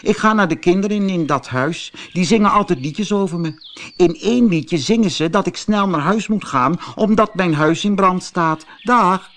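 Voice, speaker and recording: A man's voice: sits high, fairly bright tone, pitched above the performer's own voice. A man voicing a blunt, hasty female ladybird who talks in a hurry. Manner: blunt and hurried.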